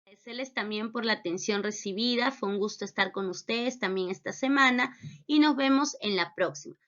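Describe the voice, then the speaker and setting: Bright-voiced woman teaching a lesson. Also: mid-range voice. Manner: slow, clear dictation of rules and example words. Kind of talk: recorded spelling lesson. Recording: dull, lo-fi recording.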